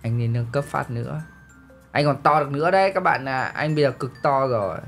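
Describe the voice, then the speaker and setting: A man's voice: medium pitch, brisk, vocal fry, fairly bright tone, soft background music. A young man, boasting, teasing and laughing through playful gameplay commentary. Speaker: gaming streamer.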